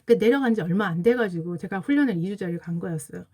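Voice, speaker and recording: Soft-toned woman telling a heartfelt story. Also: mid-range voice, animated, fast talker, breathy edge. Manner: emotional, earnest, greets viewers mid-story. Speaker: livestream host. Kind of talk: casual livestream storytelling.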